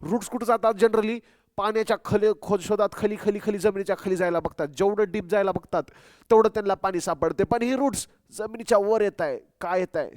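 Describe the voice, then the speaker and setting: A man's voice: sits high, a little fast, darkish tone, dry recording, studio quality. A young man teaching a biology class. He keeps asking the students questions and mixes English terms into his speech. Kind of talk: classroom lecture.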